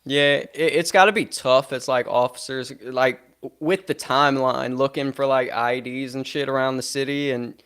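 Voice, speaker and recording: Sex: man. Role: podcast co-host. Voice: smooth, resonant. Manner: offhand, swears freely. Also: medium pitch, steady tone, normal speed, a bit bright. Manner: offhand and profane. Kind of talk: casual chat.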